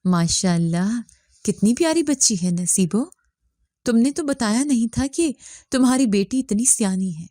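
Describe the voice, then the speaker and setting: A woman's voice: on the high side, animated, dark tone, no echo, studio quality, close to an everyday voice. A woman voicing a sweet-talking, scheming stepmother with a coaxing tone.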